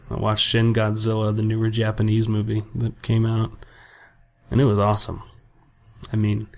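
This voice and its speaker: Here a young podcast host, his voice on the low side and a bit raspy from a long day of talking, rambles on solo from home about his week. He's casual, profane, and quick to make fun of himself, speaking into a desk microphone that lacks a pop filter.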